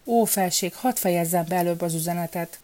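A woman's voice: fairly low pitch, a little mellow, natural voice. A woman voicing a humble royal courier who speaks deferentially to his king in a folk tale. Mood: meek. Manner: deferential, pleading.

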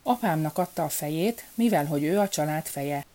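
A witty young peasant girl explains her reasoning in a calm, even way, read by a woman telling a storybook tale. The voice sits low and mellow. It is plain storybook reading. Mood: explaining.

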